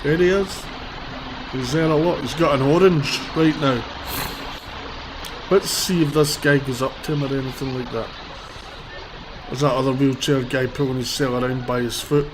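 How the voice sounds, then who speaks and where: Sniffling slightly from a cold, a male livestreamer rambles bluntly on a handheld phone while out on a city street, speaking at a moderate pace with long pauses. His voice is medium-pitched and steady in tone. Loud traffic and vehicles are heard in the background.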